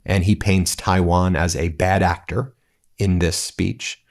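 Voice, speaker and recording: A man's voice: low voice, fairly even intonation, slow pace, gravelly. A man hosting political commentary, talking in an indignant, incredulous way.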